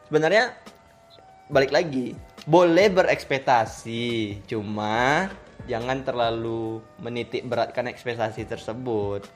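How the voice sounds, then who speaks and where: A man's voice: mid-range voice, a little slow. A man hosting a casual, joking podcast chat, often repeating words for emphasis. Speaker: podcast host. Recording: music behind the voice. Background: background music.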